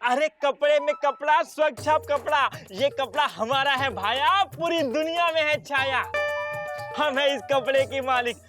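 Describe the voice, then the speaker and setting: An actor playing a slick cloth salesman pitching in rhymes. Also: unhurried, over music. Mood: salesy.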